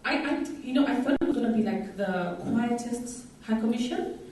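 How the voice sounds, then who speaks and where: Kenyan woman, conference speaker, higher voice, distant, echoey hall. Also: normal speed, a little mellow, a little hiss or hum. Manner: engaging, asks the audience questions. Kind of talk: conference talk.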